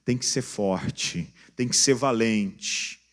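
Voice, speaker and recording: A man, preaching an animated sermon at an online church service. He swings between loud urging and soft, confiding passages. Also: medium pitch, takes it slowly. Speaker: pastor.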